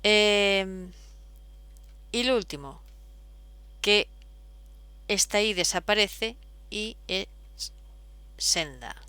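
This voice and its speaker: A woman's voice: medium pitch, lively intonation, very slow, long pauses, pushed and bright, clean tone, dry recording. A woman, explaining step by step as a teacher, patient, with frequent fillers. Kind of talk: explaining at a whiteboard.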